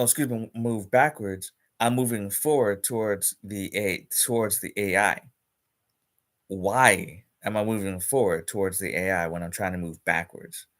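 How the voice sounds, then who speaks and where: A man streaming live in a casual, rambling rant about a mobile game, repeating himself and restarting his sentences, with hiccups. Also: on the low side. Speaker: gaming streamer.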